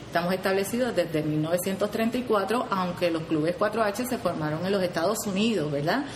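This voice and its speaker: A Puerto Rican woman, guest in an interview, briskly and earnestly describes the 4-H youth program she leads, her medium-pitched voice carrying a Puerto Rican Spanish accent. She keeps adding "¿verdad?" and restarting, and the recording is reverberant with slight background noise.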